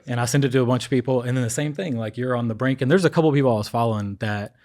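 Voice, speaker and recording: Man, co-host, mid pitch, very rapid speech, casual chat. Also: darkish tone.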